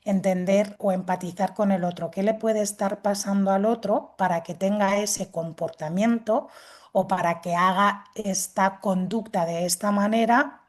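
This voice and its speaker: A woman's voice: lowish voice, darkish tone. A woman, a guest expert patiently explaining assertiveness techniques and acting out example dialogues. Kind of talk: explanatory talk with acted examples.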